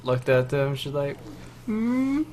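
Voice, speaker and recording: A man's voice: medium pitch, normal speed, fairly bright tone, a little hiss or hum. A man chatting casually on a podcast, laid-back and joking, often trailing off mid-sentence. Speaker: podcast co-host. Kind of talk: casual chat.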